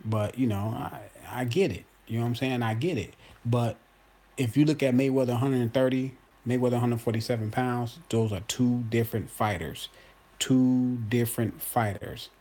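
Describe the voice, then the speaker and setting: Husky emphatic man in his forties. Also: medium pitch, normal speed, warm tone. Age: 40s. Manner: emphatic, repeats himself, addresses viewers as y'all. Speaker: boxing commentator host. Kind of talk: casual opinion monologue.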